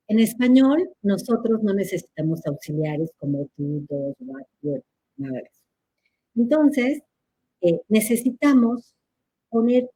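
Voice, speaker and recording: A woman's voice: medium pitch, darkish tone, husky. A woman answers audience questions in a live chat, teacherly and playful, laughing at her own examples.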